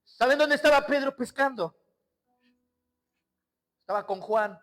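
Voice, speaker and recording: A male pastor preaching a sermon, swinging between loud exclamations and quiet asides and acting out the scenes he tells. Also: extremely high pitch, unhurried, soft background music. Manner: acts out quoted voices and scenes.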